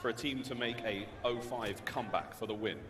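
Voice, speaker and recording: A man's voice: mid-range voice, steady tone, brisk. A man giving live play-by-play esports commentary as a caster, with dramatic, theatrical phrasing. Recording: reverberant hall, noisy background.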